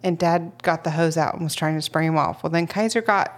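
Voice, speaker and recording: A woman co-hosting a podcast who tells stories in casual chat, animated and laughing often. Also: low-pitched, fairly quick. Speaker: podcast co-host.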